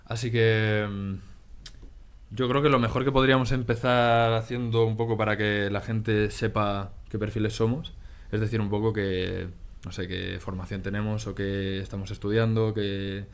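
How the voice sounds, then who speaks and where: A man in his twenties from Spain hosting a relaxed chat with friends, laughing easily and restarting his sentences. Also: fairly low pitch, normal speed, clear, resonant tone. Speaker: podcast host. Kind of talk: casual chat.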